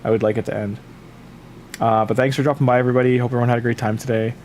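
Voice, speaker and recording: Racing along in a medium-pitched voice, a man livestreams a game late at night and rambles to his chat with lots of fillers and relaxed advice. He's sniffly as his cold winds down, and slight background noise can be heard.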